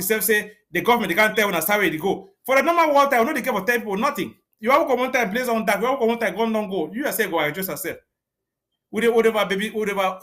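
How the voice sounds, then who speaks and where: A man with a Cameroonian Pidgin English accent, speaking as a commander in a livestream interview and laying out orders in a forceful, declamatory way with repeated warnings. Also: high voice.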